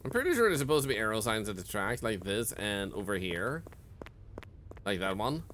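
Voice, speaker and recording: A man doing live gameplay commentary as a streamer, excitable, laughing often and yelping at sudden scares. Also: lowish voice, normal speed, a little hiss or hum. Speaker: streamer playing a horror game.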